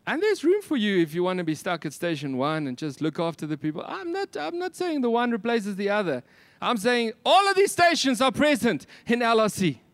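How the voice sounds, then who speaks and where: A male preacher with a South African Afrikaans accent and a notably high voice delivers a sermon. He speaks emphatically, leaning on repetition and rhetorical questions, and the sound is dry and close. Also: huge pitch swings, brisk, hardly any pauses, fairly bright tone, dry recording.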